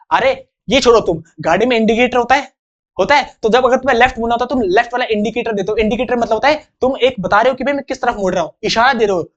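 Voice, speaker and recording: A man's voice: very high voice, highs cut off. A young man teaching an English vocabulary lesson in a chatty, joking way, acting out little examples.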